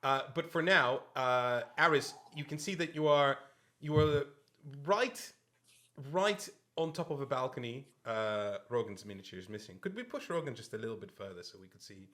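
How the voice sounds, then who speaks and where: Guy game-mastering a tabletop game, kinda halting and chatty, middle pitch. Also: lively intonation, pushed and bright. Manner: halting, chatty, laughs often.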